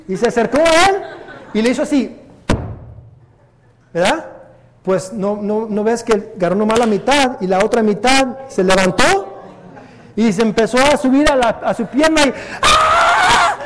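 A high-voiced male pastor gives a bilingual Sunday sermon in a church sanctuary, telling lively anecdotes and switching between Spanish and English. The hall echoes around him.

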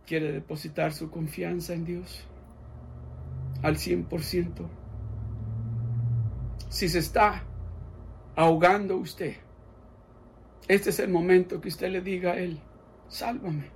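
Slow, high-voiced impassioned male preacher. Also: little pitch movement, creaky, a little hiss or hum. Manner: impassioned, moves between loud pleading and hushed prayer; leads the listener in repeated prayer lines. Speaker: pastor. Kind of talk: sermon with altar call.

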